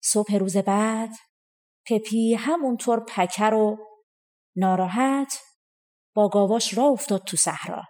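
A woman reading a folk tale audiobook aloud. She narrates gently and evenly, in an unhurried storytelling way, at an ordinary pitch for a woman. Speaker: audiobook reader.

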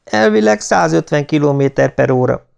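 A steady male pilot reads out figures in a matter-of-fact tone, voiced by an audiobook narrator. The voice is slightly high with a gravelly rasp. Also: muffled recording. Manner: matter-of-fact radio reports.

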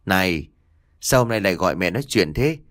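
A man voicing an elderly, quick-tempered mother-in-law in an audio story, scolding and shouting. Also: low-pitched, expressive, dry recording, clean studio sound, voice pushed down. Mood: curious.

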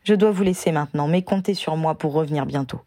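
A woman reading the lines of a calm, caring young male wizard in an audiobook, speaking in a reassuring way. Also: deep voice, fast, no room sound, clean studio sound.

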